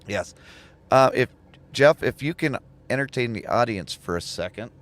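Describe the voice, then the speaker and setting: A man's voice: mid-range voice, animated, moderate pace, a bit bright. A man hosting a casual livestream, chatty and laughing often as he reads viewer comments aloud. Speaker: livestream host and truck driver trainer.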